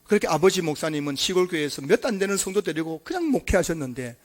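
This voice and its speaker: Animated male pastor preaching a sermon. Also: on the high side, fast talker. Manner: emphatic, swings between loud exclamations and quiet asides.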